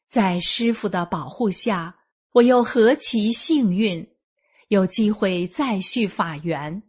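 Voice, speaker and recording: A woman in her forties reading her own first-person account aloud in an earnest, measured way. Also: medium pitch, a little mellow, slightly rough. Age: 40s. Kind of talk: scripted first-person narration.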